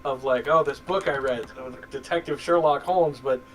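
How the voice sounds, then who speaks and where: A man's voice: mid-range voice, normal speed, slight background noise, low-quality recording. A man playing a tabletop game, chatting casually and saying "like" a lot. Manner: chatty, lots of "like". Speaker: player.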